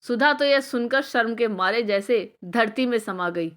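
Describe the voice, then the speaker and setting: A woman narrating a scripted family story in a measured, emotive way. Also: fairly high pitch, fairly bright tone.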